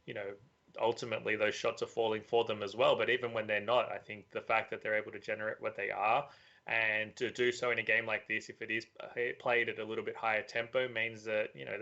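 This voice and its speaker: Man, betting analyst, flat delivery, bright edge, casual chat. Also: lowish voice, vocal fry. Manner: measured, analytical, frequent fillers. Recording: dull lo-fi audio.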